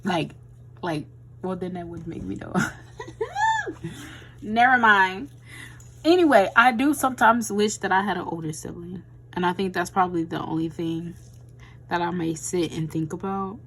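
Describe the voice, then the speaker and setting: A woman's voice: fairly low pitch, normal speed, fairly bright tone, a little hiss or hum, low-quality recording. A woman in her twenties chatting casually while swatching nail gels, with a tired voice and a rambling, chatty way of talking. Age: 20s. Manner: chatty, rambling, says "y'all". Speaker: beauty vlogger.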